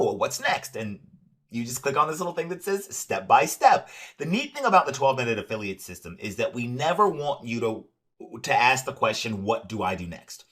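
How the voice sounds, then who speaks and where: Man, software walkthrough, salesy and upbeat, mid-range voice, lots of "uh" and "right?". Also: mid-range voice. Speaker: product demonstrator. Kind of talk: screen-share software walkthrough.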